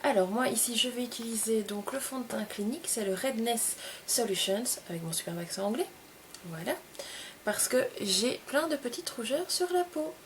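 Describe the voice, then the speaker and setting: A young woman presents a casual, step-by-step makeup tutorial, explaining her routine gently and expressively with pauses between short phrases. Her voice is a little high, and a faint hiss sits beneath the recording.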